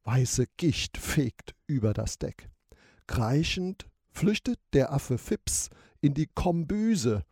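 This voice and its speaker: Male storyteller for kids: expressive, unhurried, gravelly. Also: mid-range voice, no room sound, studio quality. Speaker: narrator. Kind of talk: children's story reading.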